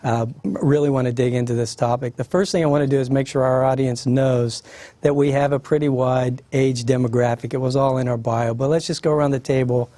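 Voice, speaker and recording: Mellow-voiced male panel moderator. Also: medium pitch, fairly quick, no room sound. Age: 50s. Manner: relaxed, conversational with frequent fillers. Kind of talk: panel discussion.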